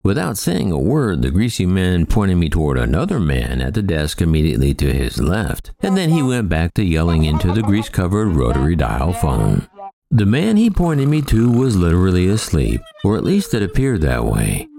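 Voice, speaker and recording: A man's voice: wildly swooping pitch, moderate pace, gravelly, warm tone. A middle-aged man narrating a wry, vivid first-person story of his first flying lesson. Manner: wry, vivid storytelling with big swings in pitch.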